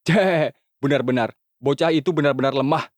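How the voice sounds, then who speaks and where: A man's voice: medium pitch, moderate pace, no echo, natural voice. A man voicing a spiteful old male martial arts master who throws taunting insults in a storybook reading. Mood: sneering.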